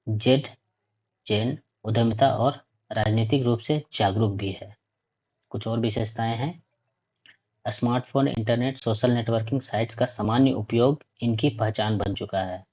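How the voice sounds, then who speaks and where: A man with a mid-range, darkish voice speaks a little slowly in a classroom lecture, reading points aloud and then explaining them. He checks in often with "okay," repeating 'ठीक है'. The recording is dull and lo-fi.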